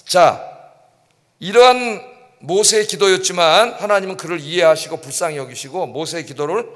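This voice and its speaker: A man pastor preaching a midweek sermon in an animated way, acting out prayers and questioning the congregation. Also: high voice, normal speed. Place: church sanctuary. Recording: long church reverb.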